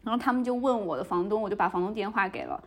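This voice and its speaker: Racing along in a mid-range voice, a young woman who hosts a podcast narrates an anecdote in easygoing talk. She animates the tale, voicing the dialogue herself.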